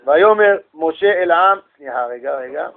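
A man giving a lively religious lesson, telling a story in vivid scenes, swinging between loud exclamations and hushed asides. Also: a little high, gravelly, narrow, tinny audio. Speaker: rabbi giving a Torah lesson.

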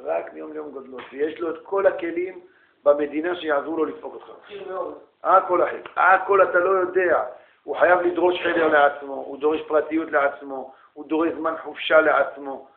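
A man lecturing as a rabbi, animated, calling listeners brother and asking rhetorical questions. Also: on the high side, vocal fry. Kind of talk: lively religious lecture. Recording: echoey room, tinny phone-like sound.

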